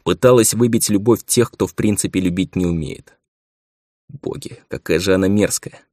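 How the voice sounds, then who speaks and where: A man reading a science fiction audiobook in a measured, subdued narration. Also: low voice, darkish tone, no room sound, clean studio sound. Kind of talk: scripted narration.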